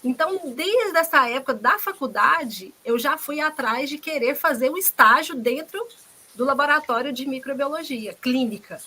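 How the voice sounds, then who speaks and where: A woman's voice: sits high, animated, normal speed, pushed and bright, poor audio. A woman with a Brazilian Portuguese accent, a guest biologist, earnestly recounting her career with frequent restarts. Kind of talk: conversational talk about her career.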